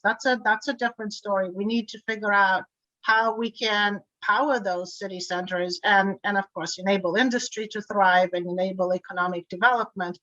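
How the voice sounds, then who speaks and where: A woman's voice: mid-range voice, sharp tone, no echo, dull audio. A middle-aged woman from Bulgaria, a guest in an interview, speaking fluently but often repeating words as she restarts. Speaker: guest, energy grid board chair. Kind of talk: remote interview conversation.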